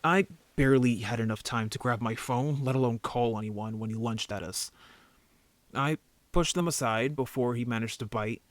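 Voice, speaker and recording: In an audio drama roleplay, a man voices an injured young werewolf, a defensive, easily embarrassed brother who speaks casually and haltingly while earnestly recounting events. His voice is natural, medium-pitched, with no echo.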